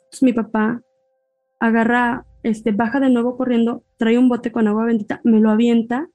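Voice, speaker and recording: A woman's voice: on the high side, normal speed, no room sound, poor audio. A woman with a Mexican accent, a podcast guest telling a personal story in casual chat and acting out her family's words. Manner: animated, acts out family dialogue.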